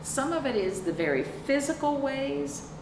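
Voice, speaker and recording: Her voice sits high and creaky as this middle-aged librarian hosts storytime, reading a picture book slowly and expressively, explaining deliberately and asking the children rhetorical questions. The recording comes from a camera a few feet away, in a noisy, echoey indoor room with a sofa.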